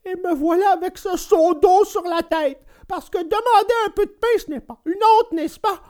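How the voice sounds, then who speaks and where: A woman voicing a hungry, cheeky wooden puppet boy in a storybook reading, whiny and pleading, at times bursting into shouts. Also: very high-pitched, moderate pace.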